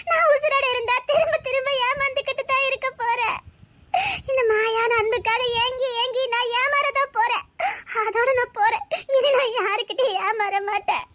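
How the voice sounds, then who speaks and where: A woman's voice: very high voice, a bit bright. A woman voicing a heartbroken young woman in a drama, speaking with a Tirunelveli Tamil accent in a tearful, pleading way. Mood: despairing. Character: heartbroken young woman set on ending her life.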